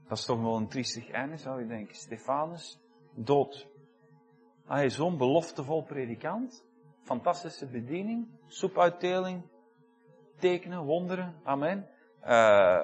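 A man preaching a fervent sermon, punctuating it with "amen" and building to impassioned peaks. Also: mid-range voice.

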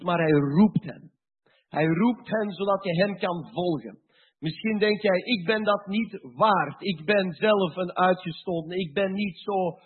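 A man preaching a sermon, slow and emphatic, with sudden drops to a quiet voice. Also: high-pitched, husky. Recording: tinny phone-like sound.

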